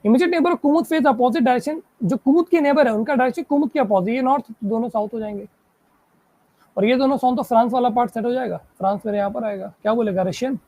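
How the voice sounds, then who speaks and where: A woman teaching a live online reasoning class. She keeps checking whether students follow and praises them, and she reads English questions out slowly before explaining them in Hindi. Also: fairly high pitch, dark tone. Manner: checks in constantly, praising and asking if it is clear.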